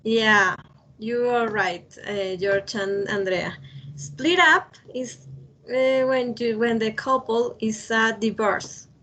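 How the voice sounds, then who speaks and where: A woman teaching an English grammar class over a video call, speaking haltingly with many fillers and restarts. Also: a little high, fairly bright tone, muffled recording, a little hiss or hum. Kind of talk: online class lecture.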